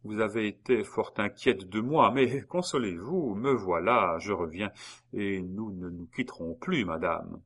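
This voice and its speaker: A man's voice: fairly low pitch, measured pace, fairly bright tone, breathy edge, full character voice. A man reading an audiobook and voicing a cold, mocking husband who taunts his wife with false politeness. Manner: sneering, mock-polite, taunting.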